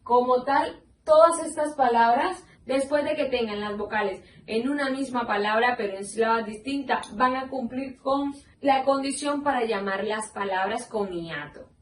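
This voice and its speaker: A woman's voice: a little high, moderate pace, hardly any pauses, distant mic, a little hiss or hum. Woman teacher in an echoey room. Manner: explains step by step, asking the class questions. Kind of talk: recorded online grammar lesson. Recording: echoey room, voice slightly off-mic.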